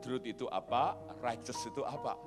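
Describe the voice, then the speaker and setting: A man from Surabaya preaching an animated, joking church sermon and putting questions to the congregation. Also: medium pitch, normal speed, music in the background. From Surabaya, Indonesia.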